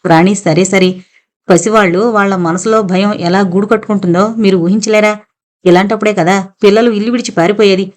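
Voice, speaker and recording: A woman with a medium-pitched, darkish voice, close to an everyday one, speaks a little fast with fairly even intonation. She voices a composed, educated young woman who soothes a neighbor and urges them to be brave. Her soothing mood comes across as gentle yet firm.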